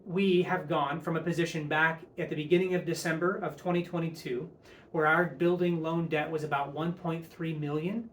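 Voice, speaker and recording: Man, high-pitched voice, earnest and upbeat, church update speech, reverberant room. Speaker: church leader giving congregation update. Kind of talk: public update speech to a congregation. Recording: echoey room.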